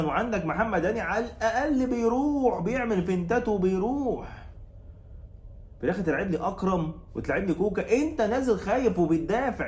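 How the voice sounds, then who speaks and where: Fast-talking, scolding Egyptian man. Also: sits high, a little mellow, reverberant. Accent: Egyptian Arabic. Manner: heated, scolding, repetitive and sarcastic. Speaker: football commentator and channel host. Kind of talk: angry fan rant about a match.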